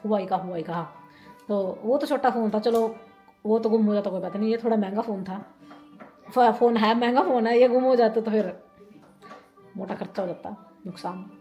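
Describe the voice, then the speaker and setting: A woman's voice: a little high, dark tone. Woman from india vlogging, chatty and rambling, laughs a lot, faint music in the back. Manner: chatty, rambling, often laughing and repeating herself. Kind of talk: casual storytelling vlog.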